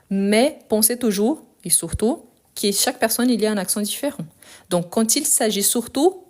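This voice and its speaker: A woman's voice: mid-range voice, darkish tone. A woman teaching a live online French lesson, explaining sounds patiently and checking in with her viewers. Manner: explanatory, repeats key points with "ok?" checks.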